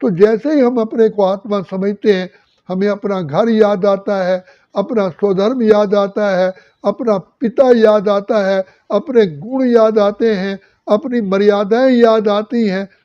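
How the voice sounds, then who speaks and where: An older man, a spiritual teacher, giving a measured discourse that lists virtues one by one. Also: high voice, steady tone, dark tone. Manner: slow measured listing of virtues. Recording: dull lo-fi recording.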